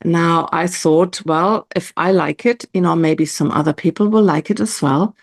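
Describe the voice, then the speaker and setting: A woman's voice: on the low side, moderate pace. A middle-aged woman, a planner designer and online entrepreneur, giving a casual, chatty product walkthrough to her camera, often using "you know" as a filler.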